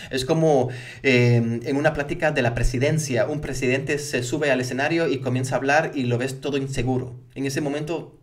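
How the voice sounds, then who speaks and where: A man teaching hypnotherapy techniques in an energetic style, often checking in with his listeners with a quick "ok?". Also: medium pitch, recorded from a distance. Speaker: hypnotherapy instructor. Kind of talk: instructional talk to camera.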